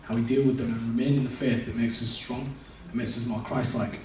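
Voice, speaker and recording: With a darkish tone and fairly even intonation, a young man at medium pitch speaks fairly quickly through a candid, self-deprecating testimony in church, restarting often. He's a church speaker, recorded by a far-off mic in an echoey hall, with slight background noise.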